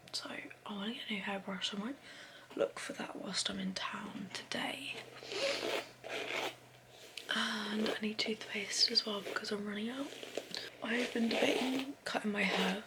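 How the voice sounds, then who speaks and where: A young British woman chatting in a soft unvoiced whisper, rambling casually through her day as a vlogger. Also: medium pitch. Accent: British English. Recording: noisy home recording.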